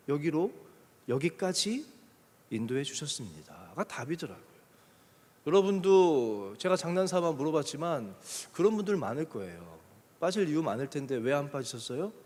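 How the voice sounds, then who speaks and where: A man preaching a youth service sermon as a pastor, emphatic and swinging between loud pushes and hushed asides. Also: fairly high pitch. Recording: long reverb of a church hall.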